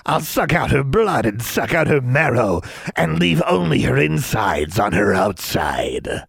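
A man voicing a greedy, cackling child-sized pond monster that gloats and turns shrill when angry. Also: big pitch swings, unhurried, creaky, slightly rough, no room sound, heavily acted. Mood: gloating.

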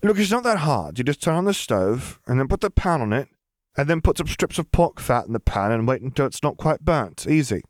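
A man voicing a sharp-tongued young witch girl who talks bluntly and bossily, in a storybook reading. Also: medium pitch, big pitch swings, a little fast, no room sound, studio quality, pitched above the performer's own voice, natural voice. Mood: bossy. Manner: blunt, matter-of-fact, bossy.

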